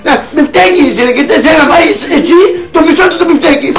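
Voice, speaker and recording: A man's voice: extremely high pitch, vocal fry, a bit bright, heavily acted. A man voicing a weary, scolding mother in a comedy sketch. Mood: exasperated. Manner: scolding, exasperated. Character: weary, fussing middle-aged mother. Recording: music playing behind.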